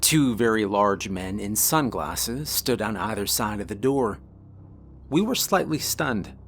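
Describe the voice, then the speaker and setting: A man, a minister, narrating a scripted first-person story in a measured way. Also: lowish voice, lively intonation, fairly bright tone, soft background music.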